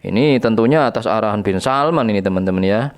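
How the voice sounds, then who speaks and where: A man's voice: fairly low pitch, quick pace. A man hosting a reaction channel, chatting casually and sarcastically to his viewers, often chuckling. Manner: chuckling, sarcastic, keeps addressing viewers as friends.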